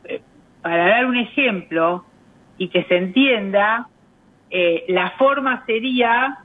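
A woman talks through a tinny, phone-like line as a radio guest. Her voice sits at a middling pitch. She explains step by step, often hesitating with filler sounds. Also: slow. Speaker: communication specialist guest.

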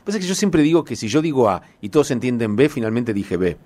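A man's voice: mid-range voice, sing-song, fast, darkish tone. A man, a journalist hosting a radio interview, chatting in a reflective, conversational way.

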